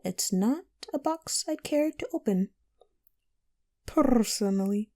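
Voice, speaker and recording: A woman voicing a teasing, riddling female cat from Wonderland in an audio roleplay, coy and playful with drawn-out, whimsical phrasing. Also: a little high, lively intonation, mellow. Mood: playfully cryptic. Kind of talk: scripted audio roleplay addressed to the listener.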